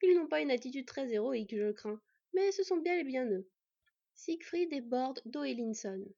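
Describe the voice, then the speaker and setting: A woman's voice: high-pitched, animated, normal speed, creaky, dark tone, full character voice. A woman voicing a stern, exasperated she-wolf in human form, with a scolding manner. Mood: dry. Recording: dull lo-fi, dry.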